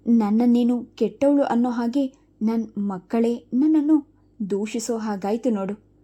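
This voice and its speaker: A woman's voice: medium pitch, fairly even intonation, normal speed, close to an everyday voice. A woman voicing a stern, controlling stepmother who speaks sharply in a family storybook reading. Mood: scolding. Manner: sharp, scolding.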